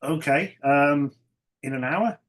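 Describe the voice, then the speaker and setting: A middle-aged man from North Wales, croaky from a cold, answering interview questions with dry, understated humour. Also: fairly high pitch, slow pace. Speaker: guest, ecologist. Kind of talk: casual interview.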